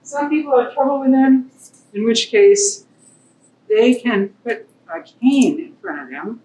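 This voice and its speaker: A woman exercise instructor calmly explaining and counting through moves, encouraging. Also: unhurried. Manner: calm, encouraging, counts reps. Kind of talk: demonstrating exercises. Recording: echoey room with faint rumble.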